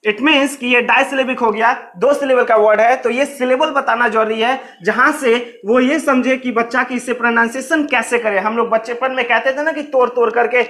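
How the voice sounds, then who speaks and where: High-voiced man teaching exam prep. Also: steady tone, moderate pace, few pauses, pushed and bright. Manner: explains in Hindi mixed with English terms, repeats key phrases.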